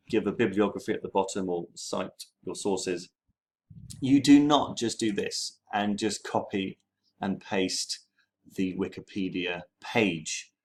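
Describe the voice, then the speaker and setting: A man teaching history, walking students through a screen-share tutorial in a relaxed way with many ums and okays. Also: lowish voice.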